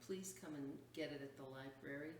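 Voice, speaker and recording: Hosting story time, a deep-voiced woman reads a picture book to children at normal speed, stretching words expressively and slipping in chatty explanations. The sound is echoey, with a distant mic and faint background noise.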